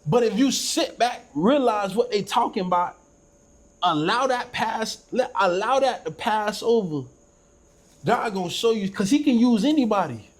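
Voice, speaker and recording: High-voiced man preaching in casual talk. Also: animated, normal speed. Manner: preachy, emphatic, repeats phrases. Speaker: podcast host. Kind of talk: casual faith conversation.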